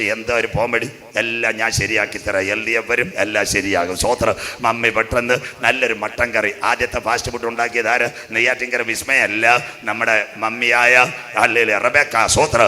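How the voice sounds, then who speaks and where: Bright-voiced preaching pastor. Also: male voice, mid-range voice, flat delivery, normal speed. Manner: storytelling with jokes, rising to loud preaching. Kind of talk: sermon.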